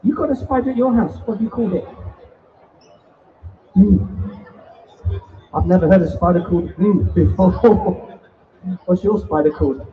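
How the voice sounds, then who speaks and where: Man, high voice, jokey crowd banter, live show presenter, distant muffled mic. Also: moderate pace, long pauses, a little hiss or hum. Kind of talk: live show talk to a family audience. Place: indoor event hall.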